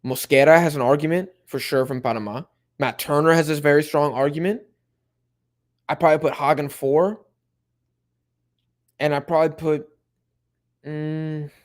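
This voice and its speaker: A young man hosting a live football watch-along, chatting casually with viewers and getting excited at big plays. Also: mid-range voice. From Mexico-supporting fan. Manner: laid-back, chatty, bursts of excitement at plays. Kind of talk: casual live commentary and chat reading.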